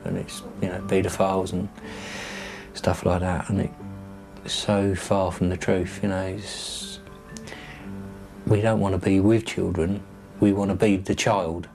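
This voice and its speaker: A man's voice: low-pitched, level tone, measured pace, vocal fry, long pauses, music in the background, rough recording. A British man speaking emphatically and insistently in an interview.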